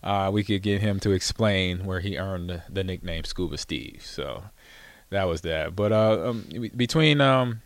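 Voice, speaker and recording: Speaking a little slowly in a low voice with no echo, the host, formerly a football player, chats casually on his own show. His story rambles, filled with fillers and bursts of laughter.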